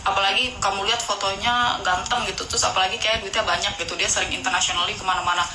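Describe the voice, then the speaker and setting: A woman's voice: mid-range voice, fairly even intonation, quick pace, pushed and bright. A woman in her late thirties giving casual, talkative relationship advice to viewers, full of fillers and restarts. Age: 30s. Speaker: advice vlogger answering viewer questions. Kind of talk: casual chatty advice talk. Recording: echoey room with clear background noise.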